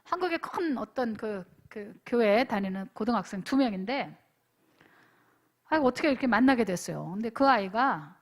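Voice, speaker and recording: A woman's voice: a little high, normal speed. A woman pastor preaching a youth retreat sermon, telling stories, acting out what people said and calling out for amens. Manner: animated, calls for amens; storytelling, acts out dialogue.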